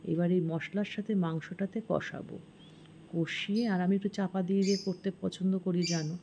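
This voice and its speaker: A middle-aged woman hosting a home cooking vlog, talking quietly in her kitchen early in the morning while filming on a phone held in one hand. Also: lowish voice, fairly even intonation, moderate pace, background noise. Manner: speaks softly so as not to wake the house. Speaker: cooking vlogger. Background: birds chirping outside.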